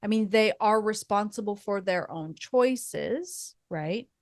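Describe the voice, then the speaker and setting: Female co-host, young adult, unhurried musing delivery, dry close-mic sound. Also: medium pitch, animated, dry recording. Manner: thoughtful, meandering, with fillers and soft laughs. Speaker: podcast co-host. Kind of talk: casual faith podcast chat.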